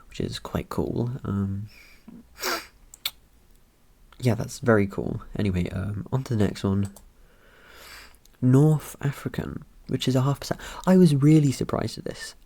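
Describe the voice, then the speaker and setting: A man's voice: medium pitch, dark tone. A young man chatting casually about his ancestry results, rambling and joking with lots of ums and uhs. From Britain. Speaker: vlogger. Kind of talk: casual commentary over results.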